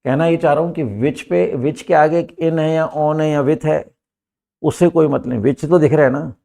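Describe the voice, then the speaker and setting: Recorded from a distant camera in a classroom, an older Indian-accented man leads an English lesson and poses emphatic rhetorical questions to his students. His voice is fairly high, creaky and mellow, with a steady tone and a slightly slow pace.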